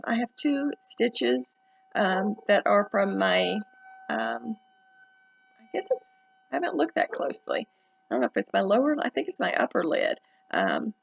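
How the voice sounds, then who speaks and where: A woman giving a casual first-person update to camera in a hesitant, halting way with many pauses. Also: medium pitch, vocal fry, highs cut off. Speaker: vlogger documenting recovery from eyelid surgery.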